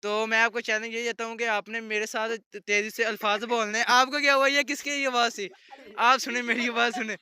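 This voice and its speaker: A young man hosting a casual night-walk vlog with friends, chatty, teasing and excitable. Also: extremely high pitch, a little fast, clean tone. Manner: excited, chatty, teasing, often repeating himself. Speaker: vlogger host. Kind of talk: casual outdoor vlog chat.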